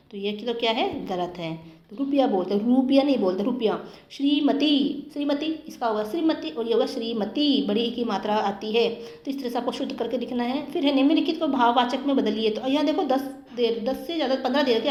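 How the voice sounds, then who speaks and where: Woman teacher, fairly high voice, explains patiently, slow repeats, echoey room. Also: a little mellow, highs cut off. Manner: explanatory, repeats answers slowly for students. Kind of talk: exam-prep grammar lesson.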